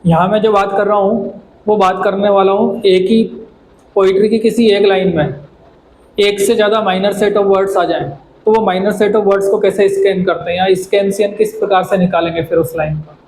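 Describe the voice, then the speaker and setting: A man's voice: high voice, fairly even intonation, brisk, darkish tone. A man teaching a poetry lesson in Hindi mixed with English, patient and repetitive, breaking lines down word by word. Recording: echoey room with faint background noise.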